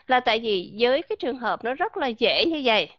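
A woman teaching English pronunciation in a live online class, encouraging and slowly repeating words as drills. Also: fairly high pitch, sing-song, dry recording, dull audio. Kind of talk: live online voice-chat lesson.

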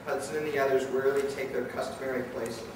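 A fast-talking man with a medium, fairly monotone voice narrates a live radio play he also directs, reading dramatic scripted lines before an audience in an event hall. The recording is very echoey, distant, and noisy.

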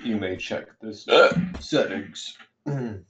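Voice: mid-range voice, takes it slowly, slight background noise. A co-player in a casual gaming session, answering with short reactions over voice chat.

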